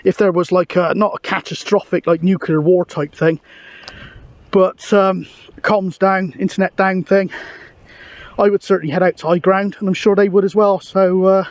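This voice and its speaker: A middle-aged man vlogs from a windy hilltop through a camera mic, chatting casually and matily about his CB radio hobby. He talks at normal speed in a high voice with fairly even intonation.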